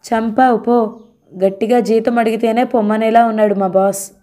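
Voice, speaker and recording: A woman's voice: a little high, steady tone, moderate pace, warm tone, natural voice. A woman reading the part of a cheerful, affectionate young husband who is earnest about his mother, in her own voice. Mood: teasing. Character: young educated husband, cheerful and devoted son.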